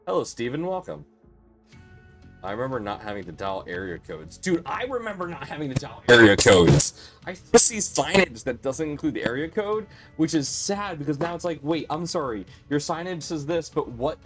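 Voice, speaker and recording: A man's voice: mid-range voice, very animated, normal speed, a bit bright, soft background music. A man in his late twenties hosting a casual live stream, rambling and chatty with lots of fillers and restarts. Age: 20s.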